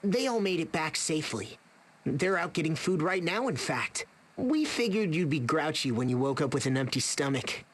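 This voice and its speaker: Earnest young game hero. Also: male voice, on the high side, big pitch swings, moderate pace. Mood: reassuring. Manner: reassuring, straightforward. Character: earnest, reassuring young male companion. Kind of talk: video game voice acting.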